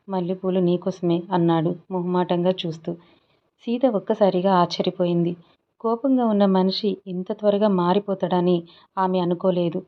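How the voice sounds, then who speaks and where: A woman narrates a romantic short story in a calm, steady voice that sits on the low side for a woman. The sound is dull and lo-fi. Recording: dull lo-fi audio.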